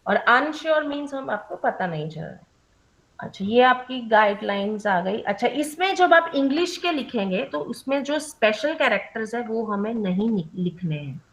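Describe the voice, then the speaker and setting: A woman's voice: on the high side, sing-song, moderate pace, rough recording. Woman trainer explaining rules step by step. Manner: mixes English terms into Hindi. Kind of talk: online training session.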